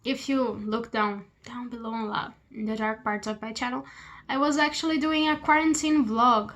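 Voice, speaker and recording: A woman's voice: fairly high pitch, steady tone, normal speed, a bit bright, rough recording. A young woman from Brazil with a Brazilian accent, chatting casually to camera from her old bedroom while she eats. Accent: Brazilian Portuguese. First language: Portuguese. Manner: chatty, rambling, eating while talking. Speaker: vlogger. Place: childhood bedroom at her parents' home.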